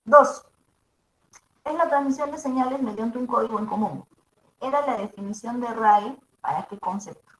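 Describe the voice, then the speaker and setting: A woman's voice: fairly high pitch, moderate pace, fairly bright tone. A woman teacher with a mezzo-soprano voice gives a classroom lecture, checking in with her students after each point. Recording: echoey room.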